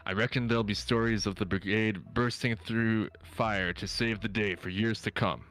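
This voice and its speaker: A man voicing a grateful male gorilla resistance agent in a video game, reading the dialogue softly and plainly. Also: lowish voice, fairly even intonation, normal speed, lightly acted.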